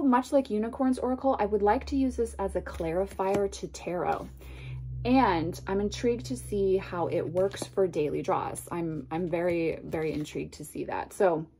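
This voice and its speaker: A tarot and oracle deck reviewer in her thirties, her mid-range voice stuffy from a cold, chats casually to a camera at desk distance while unboxing a deck at home. She gushes and drifts into asides and soft whispers in a bookshelf-lined room, with a little hiss or hum audible.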